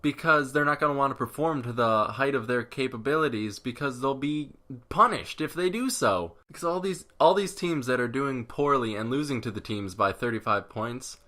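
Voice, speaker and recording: A man hosts a casual vlog, talking straight to camera. His voice is bright and forceful, and his rant has a sarcastic bite. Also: mid-range voice, lively intonation, moderate pace. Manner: ranting, sarcastic. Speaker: vlogger.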